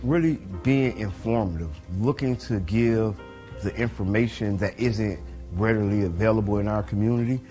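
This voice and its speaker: A man with a low, mellow voice explains things in a calm, measured manner. He talks in a casual interview style while faint music plays underneath. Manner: measured, informative. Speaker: radio show co-host.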